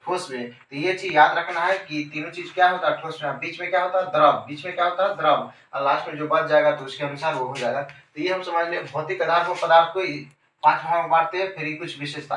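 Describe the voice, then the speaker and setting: A man's voice: fairly high pitch, fairly bright tone, a little hiss or hum. A male chemistry teacher giving a coaching class lecture, who keeps repeating key terms as questions and answering them himself. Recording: echoey room, voice from a distance, faint ambience.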